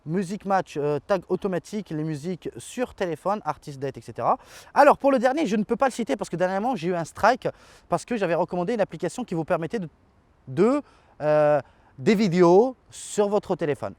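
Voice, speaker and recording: A man's voice: high-pitched, lively intonation, quick pace, no echo. A man, chatting casually as a tech video host reading viewer comments, loose and informal with frequent fillers and slang. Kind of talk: casual chat.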